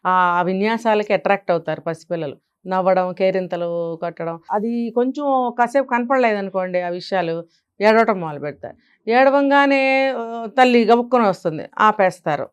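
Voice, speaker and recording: A woman with a Telugu accent speaks with a smooth, resonant voice. She gives parenting advice in an interview and drives her points home with rhetorical questions. Her pitch sits in the middle range. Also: normal speed, lo-fi sound.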